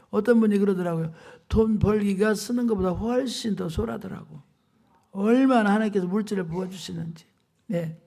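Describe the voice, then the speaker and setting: A woman evangelist preaching a revival sermon in church, telling stories with animated, emphatic exclamations. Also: medium pitch, creaky.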